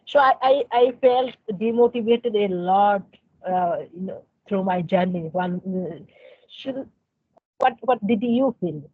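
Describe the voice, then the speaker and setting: A woman's voice: mid-range voice, slow, no room sound. Woman, hesitant speech with fillers, dry close sound, muffled lo-fi call. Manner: hesitant, many fillers and restarts, non-native grammar. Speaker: conversation practice partner. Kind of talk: casual conversation practice. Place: indoors in a room. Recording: dry, dull lo-fi call audio.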